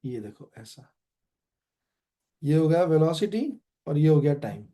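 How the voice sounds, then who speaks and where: A man's voice: fairly high pitch, very animated, unhurried, mellow. A young adult man with an Indian accent teaching a physics class, quizzing students as he goes and mixing Hindi with English. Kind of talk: online class lecture.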